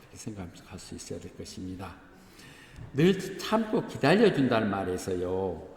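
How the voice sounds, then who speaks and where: Korean pastor preaching in echoey hall. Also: male voice, low-pitched, very animated, normal speed, darkish tone. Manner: conversational preaching, breaks into acted dialogue, chuckles at congregation. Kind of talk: sermon. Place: church sanctuary. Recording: echoey church hall, faint ambience.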